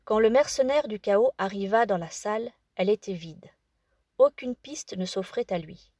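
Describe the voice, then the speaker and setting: A woman narrating an audiobook in a measured, calm storytelling manner. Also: mid-range voice, no echo, clean studio sound.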